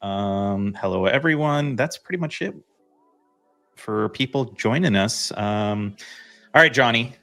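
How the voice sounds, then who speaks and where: A man hosting a livestream in a casual, upbeat way, chatty and jumping in with quick questions. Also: fairly low pitch, animated, creaky. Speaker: show host. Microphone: home mic on a livestream.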